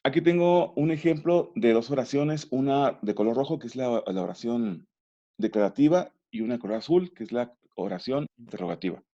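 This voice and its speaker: A man teaching a remote grammar lesson, patient and methodical, pausing to ask if it's clear. His voice is dark and gravelly, heard through a dull, lo-fi recording. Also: medium pitch, lively intonation. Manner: patient, explanatory, often checks understanding.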